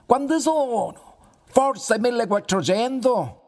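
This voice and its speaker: A man's voice: very high-pitched, animated, exaggerated voice. An actor playing a male talking confessional, a teasing uncle figure who drawls and mocks. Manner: teasing, dialect-flavored, drawn-out.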